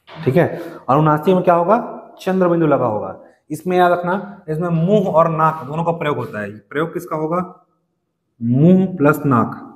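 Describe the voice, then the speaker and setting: A male teacher giving a classroom lecture, explaining step by step, asking the class questions and answering them himself. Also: a little high. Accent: Chhattisgarh Hindi. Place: coaching classroom. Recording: long reverb.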